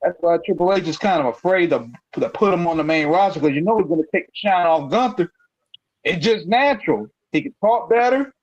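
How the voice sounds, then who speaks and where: Guy on a call sounding muffled like through a wall, highish voice, dull lo-fi mic, laid back. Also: lively intonation, a little fast. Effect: muffled and far away, as if through a wall, from a bad mic on a call. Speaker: panel member joining by call. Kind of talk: casual chat.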